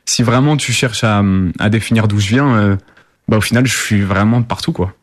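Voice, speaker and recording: The fairly low voice belongs to a young guest rapper from the Paris suburbs, who answers interview questions at a moderate pace. He's casual and keeps restarting, with plenty of fillers, and the studio-quality recording has no echo.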